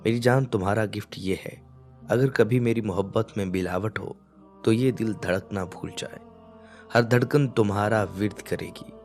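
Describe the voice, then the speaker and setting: A man's voice: on the low side, normal speed, darkish tone, faint music behind, close to an everyday voice. A man voicing a young husband who grumbles but dotes on his wife. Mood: affectionate. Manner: grumbling, affectionate.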